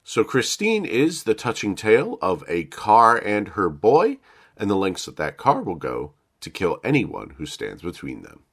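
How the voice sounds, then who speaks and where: A man's voice: lowish voice, huge pitch swings, measured pace. A man co-hosting a casual podcast, sounding stuffed up and nasal from a cold, chatty and upbeat. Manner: chatty and upbeat, laughs easily. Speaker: podcast co-host. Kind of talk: casual chat.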